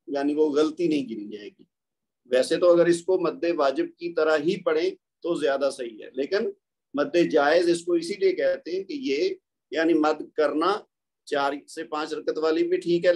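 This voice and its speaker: A man's voice: on the high side, a little mellow. Patient man teaching recitation rules. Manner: patient, explanatory, asks and answers his own questions. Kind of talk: tajweed lesson.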